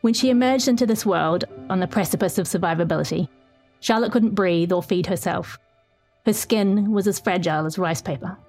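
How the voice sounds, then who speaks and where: A middle-aged woman reporter reads her own feature story in a measured, clear way, after answering interview questions with a few hesitant restarts. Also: fairly low pitch, darkish tone, soft background music.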